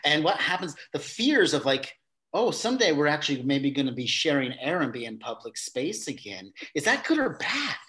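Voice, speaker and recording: Speaking at normal speed with a sharp tone and a voice on the high side, a middle-aged man sounds very animated as an interview show guest. He rambles casually about his theater company's new work, repeatedly restarting sentences.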